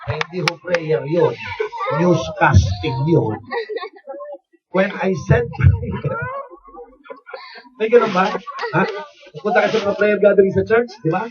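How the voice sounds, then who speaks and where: A man's voice: high voice, sing-song, takes it slowly, long pauses, over a noisy crowd. A man with a Filipino accent, a bishop preaching a humorous sermon in a church, switching between Tagalog and English and acting out stories. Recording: distant, muffled, noisy church recording.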